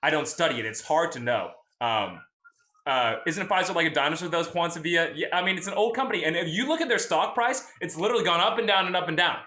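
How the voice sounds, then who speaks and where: A man's voice: on the high side, expressive, fast, sharp tone, roomy sound. A young man hosting a casual livestream about finance, explaining in a chatty way and greeting viewers from the chat. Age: young adult. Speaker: host.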